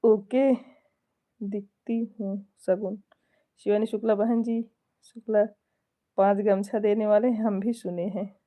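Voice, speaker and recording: A woman's voice: mid-range voice, level tone, slow, long pauses, mellow. A woman who sings folk songs, chatting casually on a live stream with an Awadhi-tinged Hindi accent, reading viewer comments aloud, chuckling often and trading devotional greetings. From Awadh region of India.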